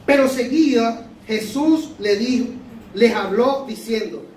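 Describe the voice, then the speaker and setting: A male preacher with a lilt delivers a fervent sermon in a strikingly high voice. He circles back on his phrases for emphasis. The sound reaches a distant mic in a reverberant church hall over a faint hum. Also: slow, darkish tone.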